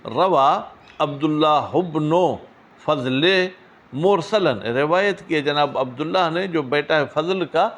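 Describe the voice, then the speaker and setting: A man teaching a seminary class, reading Arabic phrases slowly, then explaining them in quick, questioning asides to his students. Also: fairly high pitch, fairly bright tone. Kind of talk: classroom lecture on a legal text.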